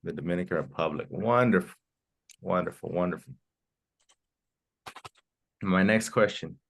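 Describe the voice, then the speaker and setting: A man with a very low, deep voice leads an English class from the United States. He is encouraging and echoes his students' answers back to them. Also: normal speed, creaky, husky. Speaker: English teacher. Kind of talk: online class Q&A.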